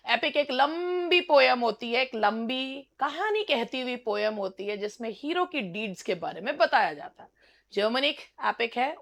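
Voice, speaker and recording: Slow, high-voiced woman teacher. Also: a bit bright. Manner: explains slowly, asks and answers her own questions. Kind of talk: exam-prep literature lecture.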